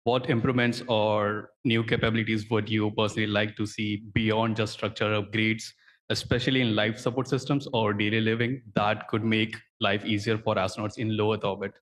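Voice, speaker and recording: A man from India with a fairly low voice puts a formal, prepared question. His intonation stays flat throughout. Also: a little fast, poor audio. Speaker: participant asking a question.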